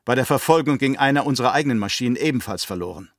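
A man's voice: medium pitch, animated, rapid-fire, dry recording, studio quality, natural voice. A man voicing a nervous, drugged guard captain who stammers through servile reports in an audiobook reading.

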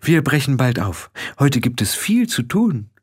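Ein Mann spielt eine fürsorgliche, geschäftige ältere Dorfhexe mit betulicher, fröhlicher Art. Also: male voice, medium pitch, sing-song, unhurried, slightly rough, voice pushed up, heavily acted. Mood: fussy, cheerful. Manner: fussy, cheerful. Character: caring older village witch woman, busy and cheerful.

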